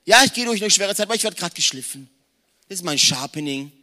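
A man's voice: sits high, animated, fast, pushed and bright, voice pushed up, heavily acted. A man voicing a smug churchgoer who piously waves off his own troubles, in a raised, self-satisfied tone. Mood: smugly pious.

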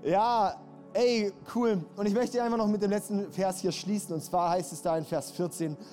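A man's voice: high voice, fairly even intonation, normal speed, a little mellow, faint music behind. A man preaching a sermon, passionate and building to emphatic, repeated calls. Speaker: pastor.

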